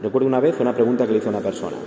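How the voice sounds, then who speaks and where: A man's voice: mid-range voice, racing, dark tone. Spanish man talking in an echoey hall. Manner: earnest, conversational, frequent checking tags. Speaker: speaker giving a talk on grief. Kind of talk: spoken talk to an audience. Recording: echoey hall, faint background noise.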